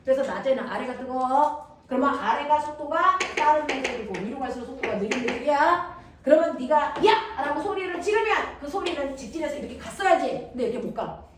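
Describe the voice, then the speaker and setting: A woman's voice: high voice, animated, brisk. A woman teaching science to a class, blunt and teasing, checking again and again that the students follow. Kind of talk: classroom lecture. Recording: echoey room, distant mic, noisy.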